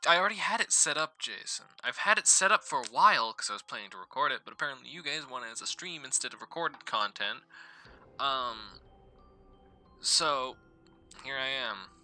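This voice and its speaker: A man's voice: medium pitch, lively intonation, moderate pace, sharp tone. A man streaming a horror game live, chatting casually and stumbling as he reads the on-screen text aloud. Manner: rambling, stumbles while reading text aloud. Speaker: gaming streamer. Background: faint game music.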